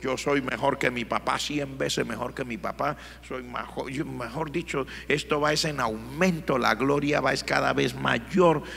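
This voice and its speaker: A preacher acts out an arrogant young king, bragging in a low, quiet, self-satisfied voice. A long reverb trails behind him. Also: measured pace, creaky, few pauses, a little hiss or hum. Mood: boasting.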